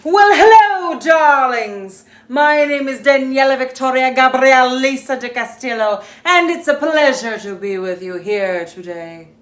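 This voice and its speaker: A woman puts on a vain, self-adoring movie star who drags out every word. The voice sits high and leaps all over with drama, and the words come slowly. It echoes around a roomy space. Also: animated. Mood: grand. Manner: grandiose, dramatic, fake-weepy and gushing. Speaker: children's lesson presenter in character.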